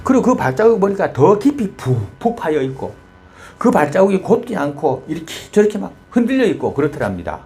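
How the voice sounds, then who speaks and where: A male pastor delivers a sermon with a lively, swinging pitch, moving between quiet, low stretches and bright, raised exclamations. He tells a story with rhetorical questions, and faint music plays underneath. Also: brisk.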